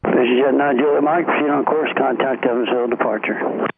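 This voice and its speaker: An air traffic controller speaks through a pilot's headset radio, his voice squeezed into a thin, phone-like band. He rattles off clearances quickly in a flat, even tone. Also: mid-range voice. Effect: aviation radio through a cockpit headset. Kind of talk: rapid radio instructions. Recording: tinny distant radio line.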